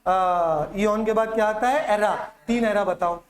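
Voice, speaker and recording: A male teacher with a Chhattisgarh accent lectures a class in Hindi, his voice high and a little slow against slight background noise. He quizzes students with repeated questions and memory tricks in call-and-response drills.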